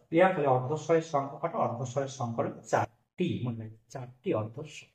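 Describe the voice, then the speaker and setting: A male teacher explains a grammar lesson step by step, asking questions and answering them himself. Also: fairly high pitch. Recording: echoey room, mic at a distance.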